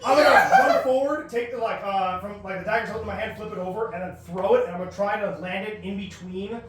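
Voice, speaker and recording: High-pitched man in a very echoey room. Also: fast talker, background noise. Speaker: tabletop game player. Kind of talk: casual game-table chat. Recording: very echoey, distant mic, music behind. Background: music.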